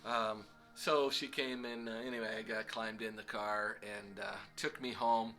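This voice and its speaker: A man's voice: fairly low pitch, little pitch movement, a little slow, pushed and bright, faint music behind. A middle-aged man casually telling a self-deprecating story with lots of fillers. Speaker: vlog host.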